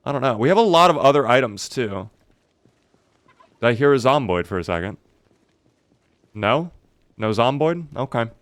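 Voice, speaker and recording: A man's voice: medium pitch, lively intonation, normal speed, long pauses, no room sound. A man doing casual live commentary while playing a survival video game, chatting to viewers in a wry, mock-dramatic way.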